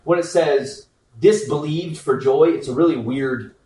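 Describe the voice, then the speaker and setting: A man's voice: a little high, unhurried, warm tone, recorded from a distance. A man giving a conversational Bible teaching to a group, informal and joking, often checking in with "okay?". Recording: echoey room, speaker away from the mic.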